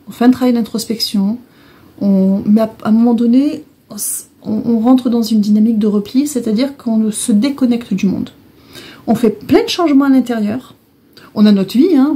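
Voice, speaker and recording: A woman's voice: a little high, dark tone, breathy edge. A woman giving a casual oracle card reading, explaining each card in a repetitive, hesitant way. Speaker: tarot and oracle card reader.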